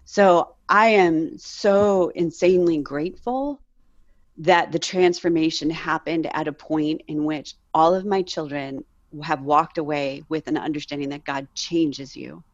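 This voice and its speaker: Low voice mom in her 40s, earnest emotional storytelling, dry kinda dull sound. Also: steady tone, measured pace, no echo. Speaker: guest. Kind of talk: candid faith interview.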